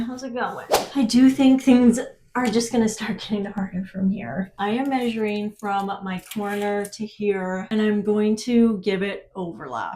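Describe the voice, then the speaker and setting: A woman's voice: mid-range voice, a little mellow, a little hiss or hum. A young woman vlogging her DIY bathroom renovation in a chatty, self-mocking and flustered way, recorded on a phone. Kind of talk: casual vlog narration while working. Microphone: phone camera. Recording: echoey bathroom with faint clicks.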